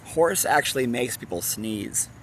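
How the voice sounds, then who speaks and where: A man with a mid-range, fairly bright voice and lively intonation reads a fantasy novel aloud at a measured pace, in a casual manner. He fumbles words and corrects himself, then drifts off into laughing, rambling personal tangents. A little hiss or hum is audible.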